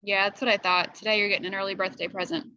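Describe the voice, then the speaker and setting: A woman reading as a calm, secretive older boy. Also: medium pitch, fast, highs cut off.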